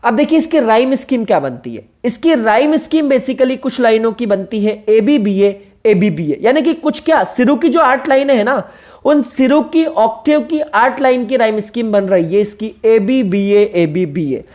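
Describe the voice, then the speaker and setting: A woman with a fairly high voice teaching a literature class for exam preparation. She explains each term patiently, repeats it and spells it out letter by letter. She keeps checking in with her students through rhetorical questions. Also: lively intonation, moderate pace, a little mellow. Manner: explanatory, repeats key terms and spells them out. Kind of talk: exam-prep literature lecture.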